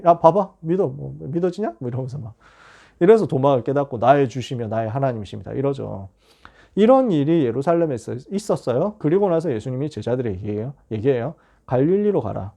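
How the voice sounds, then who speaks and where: A man's voice: fairly high pitch, dark tone. A man giving a casual sermon to teenagers, retelling Bible stories and acting out the dialogue in chatty, plain speech. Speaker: youth pastor.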